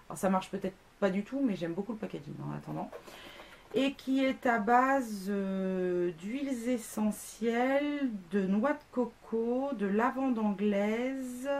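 A woman in her thirties, a beauty blogger, chatting casually through a product review with lots of fillers and self-mocking asides. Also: medium pitch. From France.

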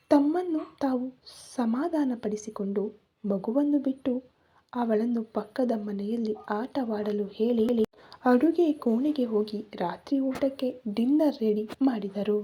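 Breathy woman narrating a story. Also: fairly high pitch, mellow.

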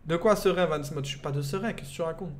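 Brief: young Belgian man, high voice, loose joking live-stream commentary, talks to chat like buddies. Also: fast. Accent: Belgian French. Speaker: gaming streamer. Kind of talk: live gameplay commentary, chatting with viewers.

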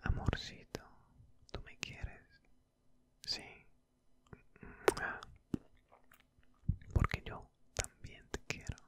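A man in his twenties in a whispered role-play as a loving boyfriend, breathy, tender and intimate, close to the microphone. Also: fairly bright tone. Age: 20s. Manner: slow, tender, repetitive, intimate. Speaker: ASMR performer. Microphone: close studio microphone, headphones on.

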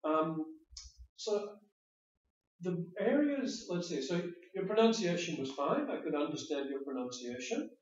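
A man's voice: on the high side, very animated, measured pace. Patient male teacher in an echoey classroom. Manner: patient, explanatory, repeats words while thinking. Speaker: IELTS speaking teacher giving feedback. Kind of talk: spoken test feedback. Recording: echoey room, distant dull mic.

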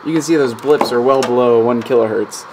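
With a medium-pitched voice and a fairly quick pace, an electronics hobby channel host at an indoor workbench thinks aloud, hesitant and rambling, through a casual technical explanation. His handheld camera mic behind the lens records steady static noise, and radio static plays from a speaker.

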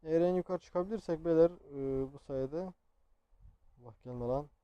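A man's voice: on the high side, normal speed, clear, resonant tone, dry recording, muffled recording. A swearing, easily frustrated young man. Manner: frustrated, swearing, talks to himself. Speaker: gameplay streamer. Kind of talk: gameplay commentary.

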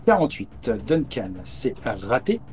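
A man's voice: medium pitch, sing-song, a little slow, loud music behind the voice. A man narrating a tabletop horror game as game master over a video call, with many hesitant fillers. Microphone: headset on a video call.

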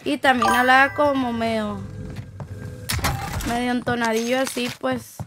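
A young woman chats casually through a gaming stream, full of slang, and answers her chat as she plays. Her voice sits high. A faint hiss runs under the recording. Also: fairly even intonation, unhurried. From Tijuana, Mexico. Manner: chatty, slangy, reads chat aloud.

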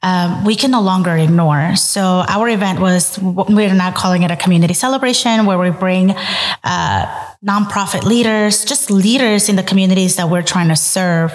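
A woman in her late twenties from El Salvador, speaking as a podcast guest in a measured way with frequent ums and uhs. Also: lowish voice, in a large hall. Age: late 20s. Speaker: guest, credit union vice president. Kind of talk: podcast interview.

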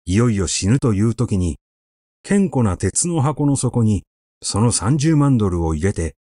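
This literary short story is narrated by a man whose mid-range voice is steady and expressive, the way a storyteller paces things. The sound is dry and clean, from a studio, for an audiobook.

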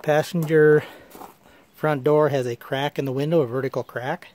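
Holding his phone as a camera, a man shows off his old car outdoors and inside it, describing things plainly with lots of fillers. His voice is a little high yet darkish, steady in tone, at normal speed, in this casual walkaround video.

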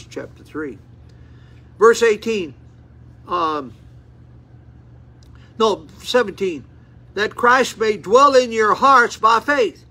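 Eighty-year-old male preacher, seated, high bright voice with a husky edge, fervent delivery. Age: 80s. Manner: fervent, rising to exclamations, repeats words and restarts. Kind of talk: seated sermon, reading and expounding scripture. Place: small indoor room with curtains, seated. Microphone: phone camera at close range.

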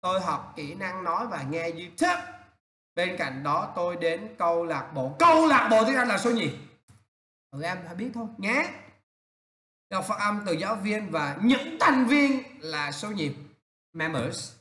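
A male English teacher correcting students' writing aloud, animated and teasing as he points out errors. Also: high voice, measured pace, roomy sound.

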